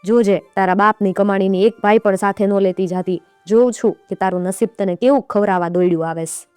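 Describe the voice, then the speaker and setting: A proud merchant father in a folk tale, scornful and quick to rage, as a woman storyteller voices him. He speaks in a raised, strained voice. The recording is dry, with faint music underneath. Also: a little high, expressive, darkish tone, no echo, pitched above the performer's own voice, natural voice. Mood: furious. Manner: angry, scornful challenge.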